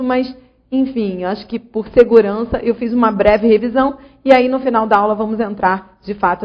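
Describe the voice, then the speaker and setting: A woman's voice: a little high, dull audio. A woman giving an online grammar lesson, explaining rules and checking in with the student as she goes. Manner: didactic, addresses student directly with check-ins. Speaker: teacher.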